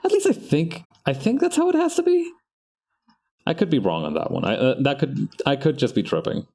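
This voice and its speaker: Here an artist streams his work and talks to himself as he goes, rambling and frequently starting sentences over in casual chat. His medium-pitched voice is very animated, brisk, creaky and mellow.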